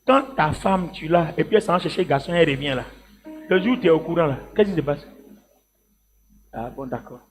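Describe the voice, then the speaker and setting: A man preaching a sermon as an evangelist, moving from hushed asides to shouted exhortation and tagging his lines with "hein" and "là". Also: on the high side, lively intonation, brisk, long pauses, faint music behind. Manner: talks directly to the congregation with many "hein" and "là" tags.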